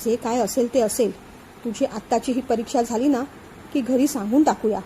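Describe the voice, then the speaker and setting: A woman doing gentle young Vishant. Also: a little high, normal speed, slight background noise, voice pushed down, close to an everyday voice, rough recording. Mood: earnest, worried. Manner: gentle, reassuring, earnest. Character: young man Vishant, caring, troubled lover.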